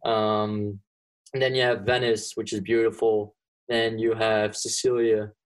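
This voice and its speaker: A young Belgian golfer with a somewhat low voice talks a little slowly in this low-quality recording. Flemish Dutch is his first language, and he handles the interview casually, with many ums and restarted sentences.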